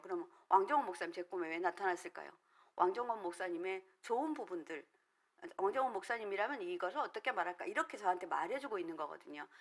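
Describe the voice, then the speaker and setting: A middle-aged woman pastor, also a counselor, giving an earnest, explanatory sermon at a prayer meeting, with frequent filler words. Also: medium pitch. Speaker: counselor trained in dream analysis.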